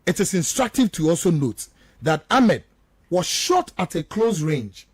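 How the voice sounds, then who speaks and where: As a studio guest on the radio, a Ghanaian man who speaks Twi natively delivers impassioned, emphatic political commentary, pressing points with rhetorical questions. His high, slightly rough voice is unhurried with big pitch swings, recorded in studio quality with no room sound.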